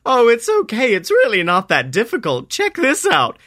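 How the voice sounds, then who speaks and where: A man's voice: extremely high pitch, wildly swooping pitch, normal speed, sharp tone, voice pushed up, heavily acted. A man voicing a smug teenage boy wizard who taunts his rival in a mocking, sing-song way. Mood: taunting.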